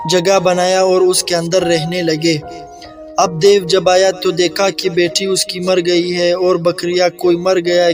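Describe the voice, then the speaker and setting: A man with a Pakistani Urdu accent casually telling a folk tale, with plain, conversational restarts. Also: high voice. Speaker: storyteller. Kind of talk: casual oral storytelling.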